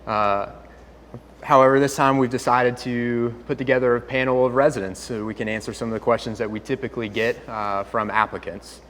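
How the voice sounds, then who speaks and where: A man's voice: mid-range voice, fairly even intonation, a little fast, a bit bright, a little hiss or hum. A young man from East Tennessee, a resident moderating a panel and guiding questions. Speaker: moderator, fifth-year resident. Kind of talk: panel discussion.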